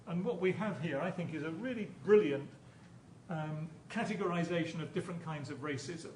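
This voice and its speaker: Lecturing as a professor at an academic conference, a man with a highish, darkish voice talks fairly quickly, explaining hesitantly and often repeating himself. The room is echoey, the mic distant, and there's background noise.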